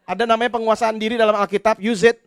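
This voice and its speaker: God as a blunt, commanding voice, as a male preacher acts him out. He gives terse instructions in a high, lively tone with English thrown in. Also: quick pace, clean tone, no echo, studio quality. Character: God as a blunt, matter-of-fact voice.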